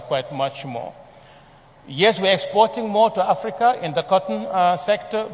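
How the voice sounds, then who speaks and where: A man from Senegal presents a report in a large conference hall, his voice sitting a little high for a man. He talks in a measured, formal way, pausing on fillers and restarting phrases. A long reverb trails after his words.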